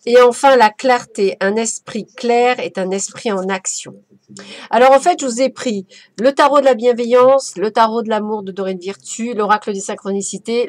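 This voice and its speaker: Chatty French-speaking woman reading oracle cards. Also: medium pitch. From France. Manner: chatty, playful, effusive. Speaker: medium giving a card reading. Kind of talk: casual oracle card reading.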